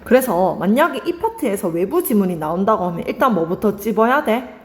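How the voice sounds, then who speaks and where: Lively woman teacher quizzing her class. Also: mid-range voice, a little fast, echoey room. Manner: asks the class questions and answers them herself. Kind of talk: online exam-prep lecture.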